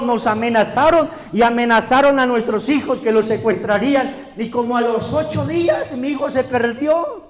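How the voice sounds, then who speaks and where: A man with a Colombian accent, a pastor telling his story in a sermon, swinging between loud outbursts and hushed passages. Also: very high-pitched, in a large hall. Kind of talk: sermon testimony.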